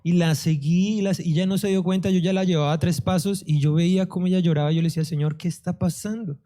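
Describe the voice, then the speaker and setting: Animated man telling a story. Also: sits high, fast talker. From Colombia. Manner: animated storyteller, acts out dialogue. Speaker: testimony speaker. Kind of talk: church testimony, storytelling.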